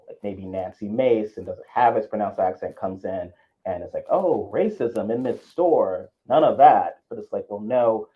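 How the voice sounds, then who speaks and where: A man's voice: on the low side, phone-quality sound. A man from the South, co-hosting a casual podcast chat, arguing a point earnestly with frequent restarts. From American South. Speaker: co-host.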